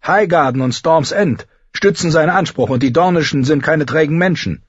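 A man voicing an eager, scheming knight who argues in an excited, insistent way. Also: on the high side, normal speed, slightly rough, no echo, highs cut off, voice pushed up. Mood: eager, pushy.

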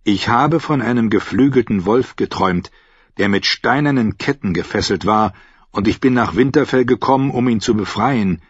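A man voicing a solemn, wise boy seer who speaks in a grave, measured way. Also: fairly low pitch, husky, no echo. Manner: measured, grave, slow speech. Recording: slightly dull dry recording.

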